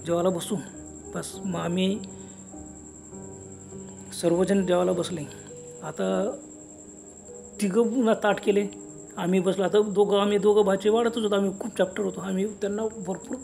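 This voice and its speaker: A man narrating a first-person horror story in a conversational, unhurried way. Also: high voice, creaky, darkish tone. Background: background music and crickets.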